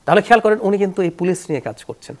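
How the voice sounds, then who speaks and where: A man giving political commentary as a talk show guest, his voice sitting high and swinging widely up and down. He lays out his arguments in an explanatory, animated way and slips English terms into his sentences. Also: racing.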